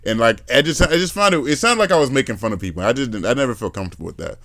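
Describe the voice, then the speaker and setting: Speaking very fast in a mid-range voice, a man hosts a podcast with no room sound. The chat is casual and lively, wandering through his ideas while he acts out accents.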